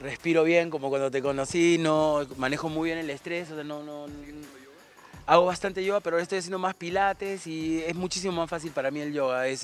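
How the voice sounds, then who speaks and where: A man from Argentina in his fifties, a guest talking reflectively and rambling a little, recorded outdoors on a tennis court with a handheld mic. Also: on the high side. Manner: reflective, warm-hearted, rambling with restarts. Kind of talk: relaxed outdoor interview chat. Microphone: handheld microphone.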